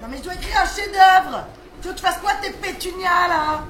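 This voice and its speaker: A woman's voice: very high-pitched, a little fast, a bit bright, faint music behind. A woman playing a frantic young female student whose thesis is ruined, exasperated and dramatic, swearing on an amateur stage. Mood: despairing. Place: indoor theatre stage. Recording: roomy stage sound with faint noise.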